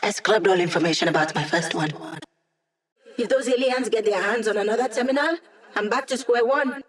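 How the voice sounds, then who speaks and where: An actress playing a brisk, confident young female hacker, giving casual, wry, technical mission support in a video game. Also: on the high side, lightly acted. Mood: playful, cocky. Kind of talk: scripted video game voice acting.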